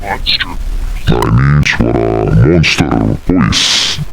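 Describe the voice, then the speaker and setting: A man talking through a soundcard voice changer set to a very deep male or monster voice, showing off the effect. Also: expressive, fairly bright tone, heavily acted. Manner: demonstrating a gadget, drawn-out delivery. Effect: soundcard voice changer, pitched very deep.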